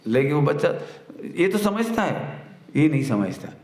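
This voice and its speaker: A man's voice: on the high side, big pitch swings, measured pace, a little mellow. A man gives a devotional talk as a spiritual teacher, explaining with everyday examples and repeating his key lines. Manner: acts out a mother's scolding in a raised voice. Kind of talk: devotional discourse. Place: spiritual retreat centre hall. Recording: echoey hall.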